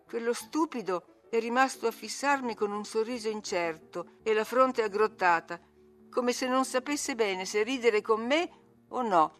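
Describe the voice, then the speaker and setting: A woman narrating a classic novel as an audiobook reader, measured and expressive. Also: a little high.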